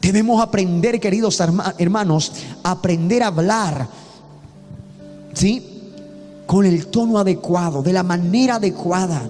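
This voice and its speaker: A man's voice: high-pitched, unhurried, long pauses, darkish tone, long reverb tail, soft background music. A man from Bolivia preaching a sermon as a pastor, talking earnestly and repeating himself with many restarts.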